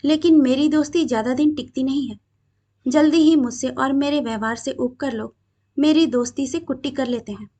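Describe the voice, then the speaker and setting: A woman's voice: sits high, normal speed, mellow. Lady reading as a troubled defiant young guy, earnest, kind of aggrieved, storybook. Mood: hopeful.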